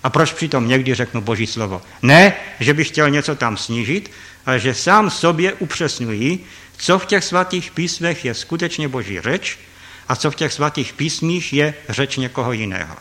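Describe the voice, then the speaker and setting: A man teaching a group from the Bible, emphatic, swinging from loud stress to quiet asides and checking that listeners follow. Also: mid-range voice, expressive. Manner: talks directly to listeners, checks they follow. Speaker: preacher.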